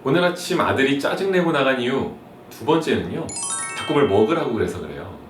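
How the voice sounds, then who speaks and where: A young man performs a comic monologue for mothers, playfully acting out whiny sons and nagging moms in sudden jumps. His mid-range voice is lively and fairly quick, with music in the background, caught on a roomy, slightly distant mic with faint ambience.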